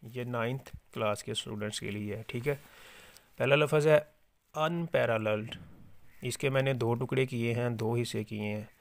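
A man teaching an English spelling lesson, slowly repeating each word and spelling it letter by letter. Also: medium pitch, fairly even intonation, gravelly, dry recording. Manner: slow, repetitive dictation, repeating each word several times.

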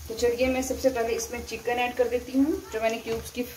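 Woman cooking at home, talks viewers thru each step calmly, kinda high voice, loud frying sizzle behind. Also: a little fast, a little hiss or hum. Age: adult, mother of a young son. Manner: calm, explains step by step to viewers. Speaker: cooking vlogger. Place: home kitchen at the stove. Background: frying and stirring in a wok.

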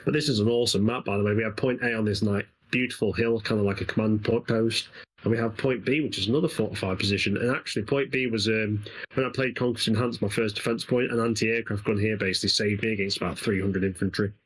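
A man's voice: fairly low pitch, fairly even intonation, fast talker, breathy edge, poor audio. An English man with an East Midlands accent, chatting casually and rambling while commentating a co-op game, laughing often. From England. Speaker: gaming channel host.

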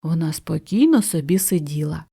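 A woman narrating a children's audiobook in an expressive, gentle storytelling manner. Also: low-pitched, moderate pace, creaky, husky.

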